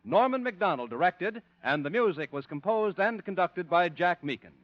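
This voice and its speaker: A man announcing a 1950s radio network show in a smooth, formal manner, from a dry, muffled old broadcast with music. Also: high-pitched, lively intonation, moderate pace, dry recording.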